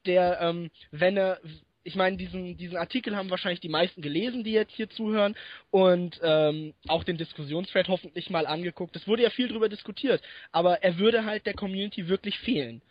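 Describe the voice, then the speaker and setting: A man's voice: high-pitched, a little fast, no echo. A man co-hosting a casual podcast chat, rambling with many fillers and laughing often. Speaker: podcast co-host. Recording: dry, dull lo-fi sound.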